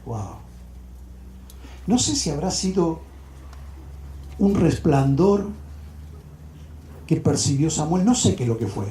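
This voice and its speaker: A man with a Uruguayan accent, giving a storytelling sermon to young people in a dramatic, animated way. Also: fairly high pitch, a little slow, pauses often, a little hiss or hum. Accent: Uruguayan Spanish. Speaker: speaker at youth event. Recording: echoey hall.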